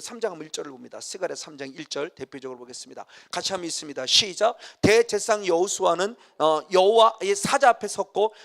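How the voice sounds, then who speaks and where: A man's voice: high-pitched, fairly bright tone. A middle-aged man preaching a sermon as a pastor, vividly acting out scenes and reading scripture aloud.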